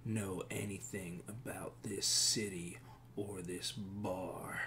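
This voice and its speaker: A man's voice: fairly even intonation, slow pace, sharp tone, a little hiss or hum, heavily acted. A man voicing a hostile drunk man in a hat at a tavern, surly and swearing. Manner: surly, swearing, growling low.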